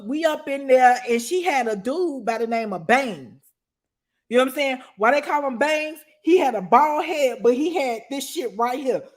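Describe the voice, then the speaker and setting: Woman, high voice, brash storyteller, swears freely, laughs a lot. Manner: profane, animated, frequent laughter; keeps asking "you know what I'm saying". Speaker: guest storyteller. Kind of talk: casual storytelling.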